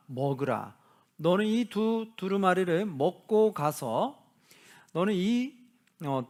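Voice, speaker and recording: A male pastor giving a Bible study lecture, reading scripture slowly and asking the class questions that he answers himself. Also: on the high side. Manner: acts out quoted lines of imagined people.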